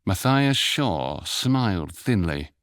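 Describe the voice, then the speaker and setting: A man narrating a fantasy short story in a measured, even storytelling manner. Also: sits low, dry recording, studio quality, full character voice. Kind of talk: scripted audiobook narration.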